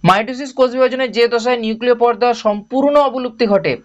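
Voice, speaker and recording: A teacher, running a brisk exam revision lesson and often checking that students follow. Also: mid-range voice, steady tone. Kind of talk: exam revision lesson going through answers. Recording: dull lo-fi sound.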